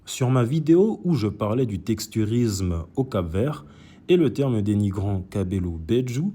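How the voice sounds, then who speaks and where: In an echoey room, a young video creator who grew up in Switzerland argues heatedly, addressing his critics head-on. His voice sits on the low side and has a warm tone.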